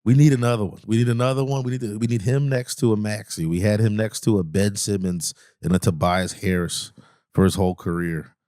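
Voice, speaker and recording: A man's voice: on the low side, steady tone, a little fast, darkish tone, no room sound, studio quality. A man co-hosting a podcast who chats in an easygoing way and laughs often. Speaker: podcast co-host. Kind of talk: casual chat.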